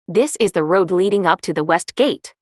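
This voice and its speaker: Calm woman narrating a winter hike. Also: on the low side, moderate pace, dry recording, clean studio sound. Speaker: travel vlogger. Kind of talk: scripted travel narration.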